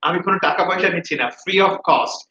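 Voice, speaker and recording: A man's voice: sits high, fast, pushed and bright. A man teaching English pronunciation in a video lesson. He speaks energetically and repeats each word so students can say it after him. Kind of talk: classroom-style video lesson, mixing Bengali and English. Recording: roomy, dull recording with faint hiss.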